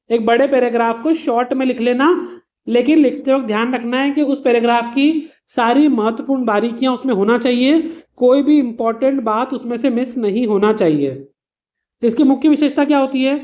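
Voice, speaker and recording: A woman's voice: on the high side, a little mellow, dull audio. A woman teacher giving an exam revision lesson, explaining patiently with simple everyday examples and calling her students "beta".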